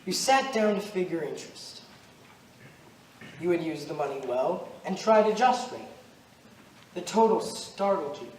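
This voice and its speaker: A young man in an amateur stage play acts a ghostly, Judas-like stranger, eighteen centuries old, grave and relentless in his accusations. His high voice has lively intonation, and he tells his story in a solemn, deliberate, declamatory way, sounding measured and knowing. The recording is roomy and noisy, picked up from far across the space.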